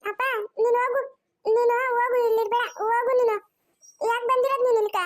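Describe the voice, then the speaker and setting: A woman's voice: extremely high pitch, level tone, fast talker. A woman voicing a stubborn young girl who insists and repeats herself in a cartoon story. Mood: dismissive. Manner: insistent, repetitive. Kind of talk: cartoon voice acting.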